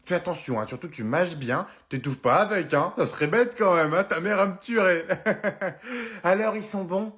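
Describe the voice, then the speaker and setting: A man's voice: high-pitched, normal speed, fairly bright tone, voice pushed up. A man doing a fussy chatty grandma. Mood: doting. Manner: coaxing, chatty, repeating "hein". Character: fussy doting grandmother feeding her grandchild. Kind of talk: comedy sketch.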